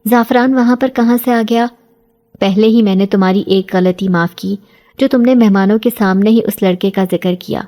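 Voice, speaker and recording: A woman voicing a stern middle-aged mother who scolds her daughter in a sharp-tongued way, as part of a storytelling reading. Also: medium pitch, close to an everyday voice. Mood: scolding.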